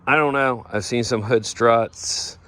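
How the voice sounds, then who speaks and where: A man giving a casual walkaround of a vehicle he is giving away. He rambles, loses his train of thought and slips into a playful infomercial-style sales pitch. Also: steady tone, a little slow, sharp tone. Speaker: vlogger showing a vehicle giveaway.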